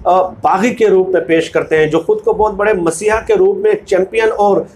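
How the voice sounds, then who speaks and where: The host speaks at a moderate pace in a high voice with fairly even intonation and a darkish tone, with a little hiss or hum in the audio. He has a Pakistani accent and delivers informal political commentary, reading from books and repeating phrases emphatically.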